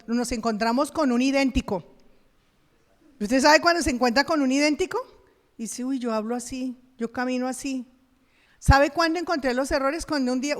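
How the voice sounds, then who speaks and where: A middle-aged Colombian pastor preaches from the pulpit in a high-pitched voice. She is animated, acting out everyday conversations and laughing at herself, while the church hall adds a long reverb to the recording.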